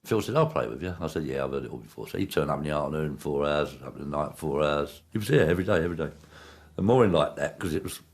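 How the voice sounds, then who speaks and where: A man's voice: very deep voice, animated, fast talker, a little mellow, slightly rough. A man giving a blunt, matter-of-fact interview about his past. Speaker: interviewee, former player. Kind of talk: candid interview recollection.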